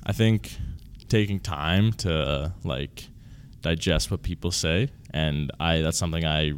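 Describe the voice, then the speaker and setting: A man in his early twenties, a university volleyball player, answering interview questions casually and haltingly, often restarting and trailing off. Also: extremely low pitch, slight background noise. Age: 20s.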